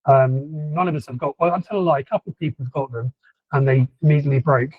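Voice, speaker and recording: A man's voice: fairly high pitch, steady tone, fast, no echo, narrow, tinny audio. Rambling man in a dry room. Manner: rambling, many fillers and restarts. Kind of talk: casual podcast chat. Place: lives in southern England.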